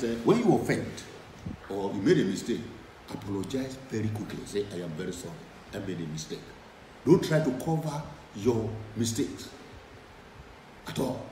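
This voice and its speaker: A middle-aged man preaches with a very animated voice that climbs and falls, driving his points home by repeating them. He sits back from the microphone in an echoey room, with a faint hiss underneath. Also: on the low side, far from the mic. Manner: emphatic, repeats key phrases, lively rises and drops. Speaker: preacher and former lecturer. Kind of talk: sermon.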